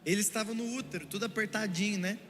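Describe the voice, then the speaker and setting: A young man from Brazil preaching a sermon, telling stories in an animated way and joking with his congregation. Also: high-pitched, fast talker, a little hiss or hum. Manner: animated storytelling, playful asides to the congregation. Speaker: pastor. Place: church auditorium. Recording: echoey church hall with music. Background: music underneath.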